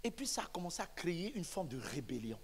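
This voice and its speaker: A man from the Central African Republic, a pastor preaching a sermon in a church, speaking emphatically and rising to shouts. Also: on the high side, sing-song, fast, breathy edge. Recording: long reverb of a church hall.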